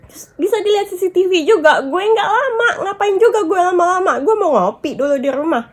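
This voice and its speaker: In an emotional storytime vlog, a woman with a very high-pitched, animated voice talks fairly quickly about being scolded. She is upset and sometimes tearful, and she mixes English and Japanese words as she vents.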